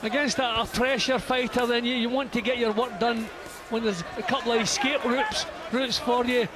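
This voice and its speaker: A man's voice: very high-pitched, fairly even intonation, moderate pace. A man giving analytical live boxing commentary from ringside as a co-commentator. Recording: crowd and arena noise behind.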